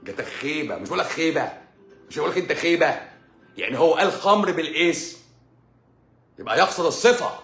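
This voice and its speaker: An Egyptian man rattles off a sarcastic, scolding live-stream monologue at a rapid clip. His voice sits a little high and he repeats phrases to drive his points home. The room is echoey, with faint music underneath. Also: animated, vocal fry, fairly bright tone. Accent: Egyptian Arabic. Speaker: doctor answering viewer comments on a live stream.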